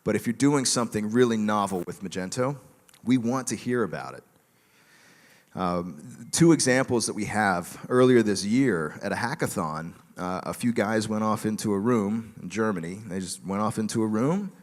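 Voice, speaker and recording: A man giving a relaxed conference talk with a joking tone and many fillers, speaking in a large auditorium. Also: fairly low pitch, moderate pace, big-room sound.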